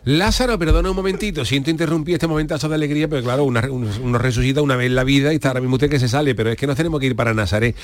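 A man voicing a pushy, greedy talent agent in a radio comedy sketch, with a rapid salesman patter. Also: medium pitch, dry recording. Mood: wheedling. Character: pushy fast-talking male talent agent.

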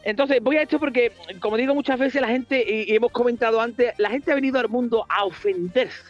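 A man performing a rapid comic monologue on radio, ranting and peppering his lines with tag questions, heard over a remote line. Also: extremely high pitch, dull audio, soft background music. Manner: rapid joking rant, constant tag questions. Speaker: comedian guest. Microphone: remote line into the studio.

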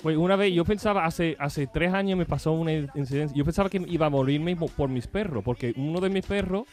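A man on a radio chat show telling a story in a lively, animated way and acting out his own cries. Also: a little high, fast talker. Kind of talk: casual storytelling.

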